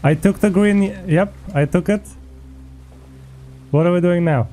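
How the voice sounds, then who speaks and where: High, soft-toned man chatting during a game. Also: measured pace, soft background music. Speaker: co-op gaming partner. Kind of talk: casual gameplay chat.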